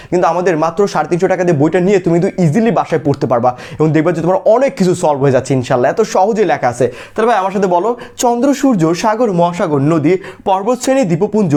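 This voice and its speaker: A young male tutor from Bangladesh with a high, bright-edged voice races through an exam-prep grammar lesson. He throws out quick questions, answers them himself, and calls his listeners brother again and again. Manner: quizzes students by asking a question and answering it himself. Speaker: English tutor. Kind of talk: energetic exam-prep lesson with call-and-response drills.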